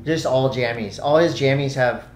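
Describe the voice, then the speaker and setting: A man in his forties co-hosting a podcast, bantering quickly in a casual, joking way. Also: medium pitch, echoey room, noisy background. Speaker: podcast co-host.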